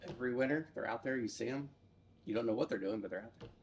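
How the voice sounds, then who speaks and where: A man's voice: mid-range voice, fast talker, a little mellow. Joking, self-deprecating male storyteller. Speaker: interview guest, entrepreneur. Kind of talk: casual interview chat. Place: in a theater building.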